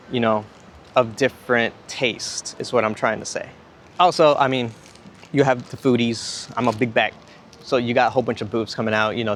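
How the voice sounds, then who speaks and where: A man's voice: mid-range voice, slight background noise. A young man vlogging outdoors at a theme park, rambling with enthusiasm, repeating himself and a bit out of breath. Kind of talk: casual rambling vlog talk. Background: music from nearby.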